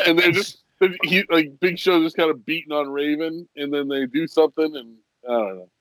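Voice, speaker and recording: A man guesting on a podcast from his basement, talking in halting casual chat with a stuffed-up nose. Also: a little high, a bit bright, dry recording, low-quality recording. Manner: halting, restarts often. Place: home basement.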